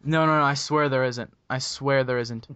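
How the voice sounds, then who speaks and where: A man's voice: medium pitch, steady tone, moderate pace, sharp tone, clear, resonant tone, dry recording. Rambling young man on a muffled headset mic. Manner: rambling, many ums and restarts. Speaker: podcast host. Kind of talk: casual podcast chat.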